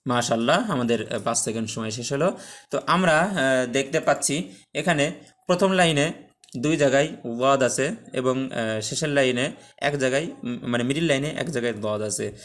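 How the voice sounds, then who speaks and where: Patient man teaching Quran letters. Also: mid-range voice. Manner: patient, explains step by step, many "ah" fillers, checks "okay?"; chants Arabic words slowly and drawn out. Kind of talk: online tajweed lesson.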